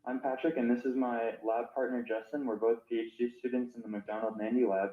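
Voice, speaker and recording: A PhD student, a man, steadily introducing his lab's research. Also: mid-range voice. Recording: echoey, tinny phone-like clip.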